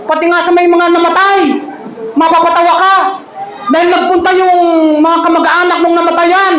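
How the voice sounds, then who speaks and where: A woman's voice: very high-pitched, level tone, normal speed, fairly bright tone, a little hiss or hum. A woman pastor giving a sermon to a congregation. She tells jokes, laughs along, and speaks directly to her listeners. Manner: humorous preaching with jokes and laughter. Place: church hall. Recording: echoey hall with faint ambience.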